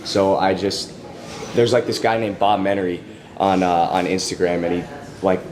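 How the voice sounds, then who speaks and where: A man's voice: sits low, fairly even intonation, moderate pace, crowd noise. A young man who anchors a student show, telling a story in a rambling way with lots of fillers. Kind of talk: casual interview answers.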